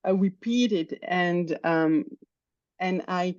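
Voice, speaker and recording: A French-speaking woman practices conversation in an online English lesson, speaking hesitantly and often hunting for words. Her voice is lowish, slow and a little mellow. The video-call audio has no echo but the highs are cut off.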